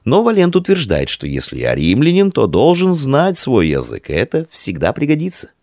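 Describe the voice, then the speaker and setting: A man's voice: mid-range voice, huge pitch swings, normal speed, darkish tone, no echo, studio quality, pitched above the performer's own voice. A man voicing a timid, earnest young boy in a storybook reading.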